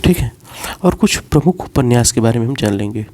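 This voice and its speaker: This lecturer is a man whose mid-range voice sounds dark and expressive. Teaching his class, he moves slowly from step to step, comes back to the main ideas more than once, and mixes English terms into his speech.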